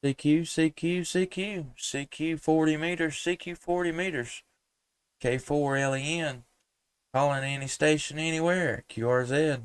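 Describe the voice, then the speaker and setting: With a highish voice, fairly even intonation and a measured pace, this man is heard over a little hiss or hum. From southern Middle Tennessee, he live streams ham radio calls and casual contacts in a courteous, folksy manner, using jargon and spelling out call signs.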